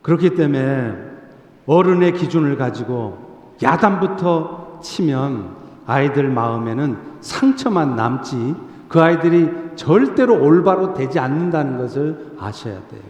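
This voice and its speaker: Korean pastor guy, highish voice, earnest coaxing sermon, big church echo. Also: lo-fi sound. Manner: earnest, coaxing, acts out gentle parent lines. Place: church sanctuary. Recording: echoey church hall.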